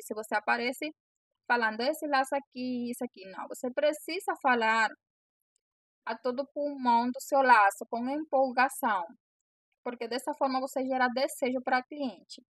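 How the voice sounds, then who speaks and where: A young Venezuelan bow-maker, a native Spanish speaker with a Venezuelan accent, gives encouraging, earnest coaching to sellers on camera, repeating phrases. She has a high, slightly bright voice, and the audio has no echo.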